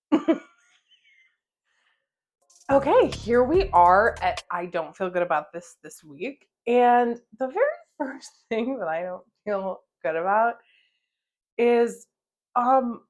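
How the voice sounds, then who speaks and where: A woman's voice: on the high side, lively intonation, takes it slowly, long pauses. A young woman hosting a podcast, telling a story in casual chat, swearing and laughing often. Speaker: podcast host.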